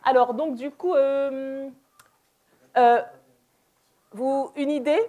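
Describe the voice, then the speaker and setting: Brief: woman, higher voice, unhurried church workshop presenter, playful, laughs often, restarts her phrases. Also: steady tone, warm tone. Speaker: deaf ministry presenter. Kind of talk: interactive church workshop talk. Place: church hall, indoors.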